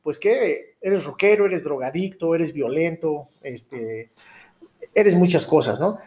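A Mexican man in his thirties with a notably high voice hosts a casual podcast. He talks in loose street slang, rambling and tagging his sentences with little checks for agreement. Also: lively intonation, takes it slowly, darkish tone. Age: 30s. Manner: rambling, keeps seeking agreement with tag questions. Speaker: podcast host.

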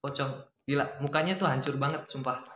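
A young man telling a ghost story from his childhood in a quiet, rambling, casual way, acting out what his family said. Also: mid-range voice, a little fast. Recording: echoey room with faint noise.

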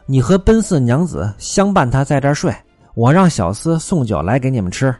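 A man's voice: medium pitch, sing-song, normal speed, darkish tone, no room sound. A wealthy middle-aged household master, as a male storyteller puts him on, coaxing and glib, waving away trouble. His tone rises and falls readily. Close, dry sound with faint music behind. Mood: dismissive. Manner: coaxing, dismissive.

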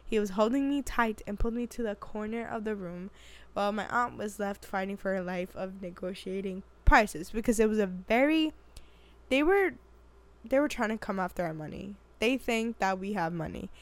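Twenty-something woman doing a storytime vlog, animated, acts out the quotes, laughs a lot. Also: mid-range voice, moderate pace. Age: 20s. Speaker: vlogger. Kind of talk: casual storytime chat.

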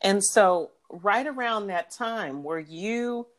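A woman conducting an interview, asking follow-up questions with an attentive manner. She fills pauses with short acknowledgments while her guest talks. Her voice sits at an ordinary pitch. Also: expressive. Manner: attentive, frequent backchannel responses.

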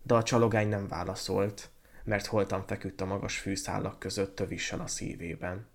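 Low-voiced man reading a fairy tale. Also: fairly even intonation. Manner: measured, lyrical reading. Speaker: podcast host reading a story. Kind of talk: storybook reading aloud.

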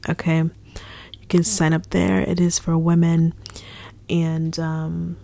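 A young woman, acting as a ministry leader, gives a casual devotional talk, speaking slowly and earnestly and repeating her points. Her voice is mellow, sits slightly low, is creaky, and barely moves in pitch. She is soft-spoken and often drifts into a gentle, half-whispered delivery.

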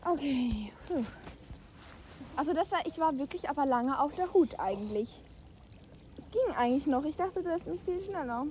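Out in a park, a teenage vlogger with a high, expressive, darkish voice speaks at a normal pace. Breathless and argumentative, she goes back and forth casually with a friend and turns to talk to her viewers, all caught on a phone that picks up the park noise.

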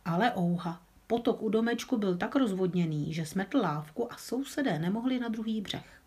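A woman calmly reading a children's story aloud, with an occasional small slip of the tongue. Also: mid-range voice, husky. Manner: calm, with small slips.

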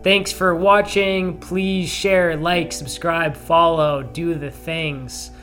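Podcast co-host, male, reading his sign-off in a deliberate, stilted, flat robot voice over faint background music. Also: a little high. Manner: slow, halting, flat robotic delivery.

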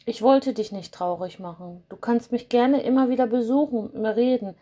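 A woman voicing a gentle, timid young fir tree that speaks softly and apologetically in a storybook. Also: a little high, a little fast, pitched above the performer's own voice, natural voice. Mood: kind. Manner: soft, apologetic.

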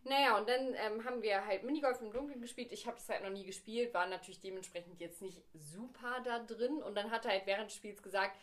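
A woman's voice: medium pitch, fast, few pauses, a bit bright. A young woman in a casual podcast chat who giggles a lot while telling a dating story. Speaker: podcast co-host.

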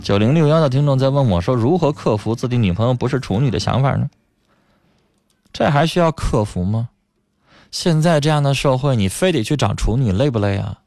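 A man's voice: medium pitch, expressive, fairly quick, darkish tone, no echo. Man, radio call-in host; dry studio voice over faint music, scolds callers bluntly. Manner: blunt, scolding, lectures at length.

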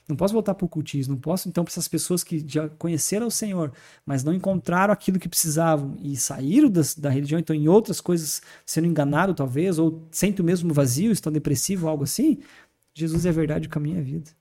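A man with a Brazilian accent, a podcast guest, telling stories in a fast, animated way in a studio. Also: fairly high pitch, husky. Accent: Brazilian Portuguese. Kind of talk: casual podcast talk on faith.

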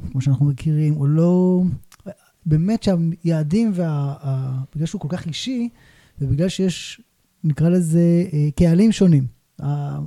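A man's voice: a little high, dark tone, dry recording. A man hosting a podcast, reflecting aloud in long, winding sentences as he questions his guest. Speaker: podcast host, entrepreneur. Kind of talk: casual interview conversation.

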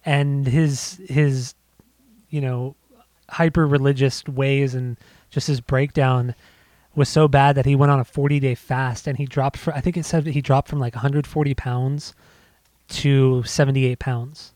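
A man's voice: medium pitch, little pitch movement, measured pace, a little mellow, dry recording, clean studio sound. A man co-hosting a casual music podcast, winded after a bike ride, rambling with lots of restarts and fillers. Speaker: podcast co-host. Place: home.

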